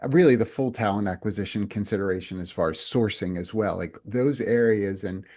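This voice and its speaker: A man's voice: fairly low pitch, fairly quick, darkish tone. A male company president talking as a podcast guest, earnest and reflective, often restarting his sentences. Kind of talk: casual interview chat.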